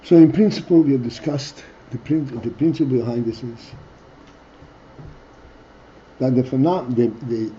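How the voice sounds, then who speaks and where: A man teaching a text study class, reading Hebrew phrases aloud and explaining them slowly in English, stopping now and then to clear his throat. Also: mid-range voice, dark tone, highs cut off, a little hiss or hum.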